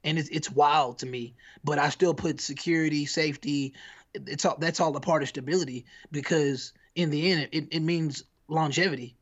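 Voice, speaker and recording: A man's voice: fairly high pitch, steady tone, normal speed, a bit bright, dull audio. An American man co-hosting a podcast, chatting casually in a rambling, slangy way with lots of restarts. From United States. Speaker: podcast co-host. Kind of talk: casual chat.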